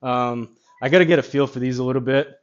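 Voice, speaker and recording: A man's voice: medium pitch, fast. Casual man with slightly dull sound. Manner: rambling, thinking out loud. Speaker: golf simulator streamer. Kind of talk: casual gameplay commentary on simulated golf.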